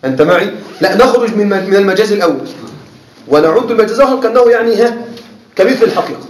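Male teacher with a high voice, lecturing a class and checking that students follow, echoey classroom. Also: animated. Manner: asks students often if they follow; repeats words slowly for emphasis. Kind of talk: classroom lecture on Arabic rhetoric. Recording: echoey classroom with faint noise.

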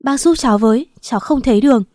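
A woman's voice: a little high, fast, warm tone, no room sound, studio quality, pitched above the performer's own voice, lightly acted. A woman voicing a young daughter-in-law who begs and cries out in a raised, pained voice. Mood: pleading, pained. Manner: tearful begging.

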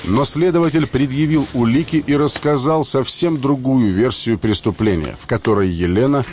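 A man's voice: mid-range voice, normal speed, slight background noise. A man reading scripted narration for a crime story.

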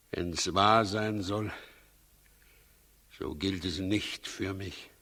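Harsh, husky tyrant King Herod. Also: deep voice, bright, forceful tone, heavily acted. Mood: brooding, grim. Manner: commanding, declamatory, menacing. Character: ruthless, brooding, aging King Herod, a bloodthirsty tyrant. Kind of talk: 1960s German radio drama acting. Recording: reverberant hall, 1960s radio studio.

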